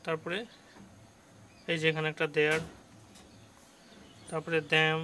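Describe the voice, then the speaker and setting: A male tutor, teaching a grammar lesson to children and slowly explaining and reading English passages aloud. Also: fairly high pitch, monotone, bright, forceful tone, a little hiss or hum.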